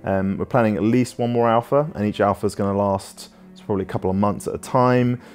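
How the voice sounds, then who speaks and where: Low-voiced man explaining casually. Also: fast, a little mellow. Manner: rambling explanations full of ums and you-knows. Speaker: game developer answering questions. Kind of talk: casual Q&A chat.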